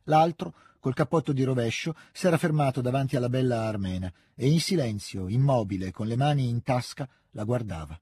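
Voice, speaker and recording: Man, audiobook narration, measured, dark mellow tone, dry close studio sound. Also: medium pitch, slightly rough, dry recording. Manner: measured, even storytelling. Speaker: audiobook reader. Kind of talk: scripted literary narration.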